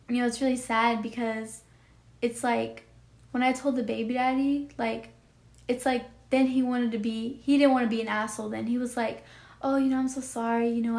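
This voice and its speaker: A nineteen-year-old woman talks straight to the camera, pouring out a painful personal story in a rambling, emotional way. Her voice sits fairly high yet stays flat and level, and she leans on "like" and "you know" between thoughts. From Texas. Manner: emotional, rambling, heavy use of "like". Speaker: vlogger.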